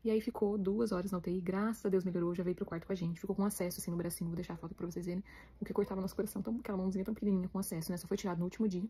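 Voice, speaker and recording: Rapid-talking Brazilian woman vlogger. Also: lowish voice, fairly even intonation, mellow, husky. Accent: Brazilian Portuguese. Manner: rapid, chatty, emotional retelling. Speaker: vlogger, new mother. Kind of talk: casual storytelling to viewers.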